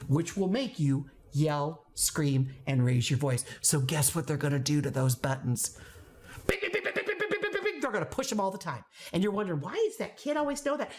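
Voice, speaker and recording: A woman in her fifties, a veteran teacher, giving classroom advice straight to camera, emphatic and repeating words for stress. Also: on the low side. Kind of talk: direct-to-camera teaching talk.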